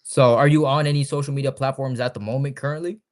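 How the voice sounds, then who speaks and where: An easygoing young man in his twenties works as a sales consultant. He asks relaxed, probing questions in a middle-pitched voice. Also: fast. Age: 20s. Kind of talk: casual sales conversation.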